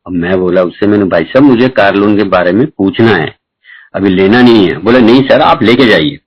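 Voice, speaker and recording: A middle-aged man with a fairly low voice shares a personal devotional story in a chatty, storytelling way. He plays out both sides of each conversation as he goes. The recording is dull and lo-fi. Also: expressive, a little fast, husky. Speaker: devotee sharing a testimony. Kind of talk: storytelling testimony at a satsang.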